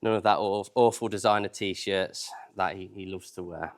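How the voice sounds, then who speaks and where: A man's voice: low voice, steady tone, moderate pace. A man delivering an informal, humorous wedding speech live at a reception. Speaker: wedding speaker.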